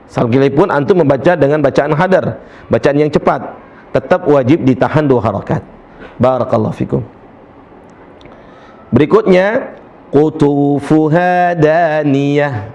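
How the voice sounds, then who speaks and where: A man's voice: fairly high pitch, darkish tone, dull audio. A man teaching Quran recitation in a tajwid lesson. He chants verses, drills letter sounds over and over, and corrects students. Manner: demonstrates letter sounds slowly and repeatedly, then corrects students; switches between explaining and chanting verses.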